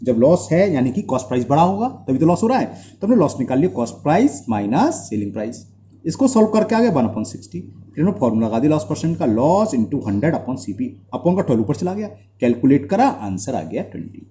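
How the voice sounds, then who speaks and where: A man's voice: a little high, sing-song, quick pace, mellow, a little hiss or hum. A man tutoring maths, stepping through worked solutions and asking and answering his own questions as he writes. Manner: talks while writing, asks and answers his own questions, mixes Hindi and English. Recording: dull lo-fi recording.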